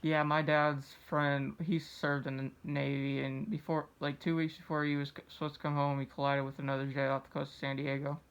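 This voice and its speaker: Smooth-voiced young American man, slightly muffled. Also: a little high, little pitch movement, a bit bright. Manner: hesitant, halting questions. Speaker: interviewer. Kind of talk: casual interview chat. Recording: slightly dull, muffled sound.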